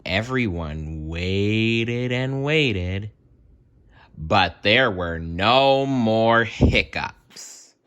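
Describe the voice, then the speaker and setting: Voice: mid-range voice, animated, very slow, a bit bright, clear, resonant tone. A storybook reader narrating expressively for young children and addressing the listeners directly. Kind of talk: animated children's read-aloud narration.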